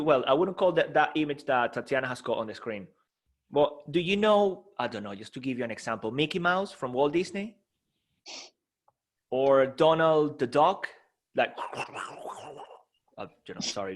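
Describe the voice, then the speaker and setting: A man's voice: mid-range voice, a bit bright. A middle-aged man from the UK, an NLP coach giving an upbeat, playful, encouraging talk to language learners.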